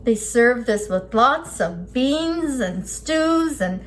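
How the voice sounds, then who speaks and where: Expressive and slow, her voice leans toward the high side. The woman acts as an instructor in an easygoing cooking demonstration, working with her hands at an indoor table and explaining each step, with kitchen background noise plainly heard.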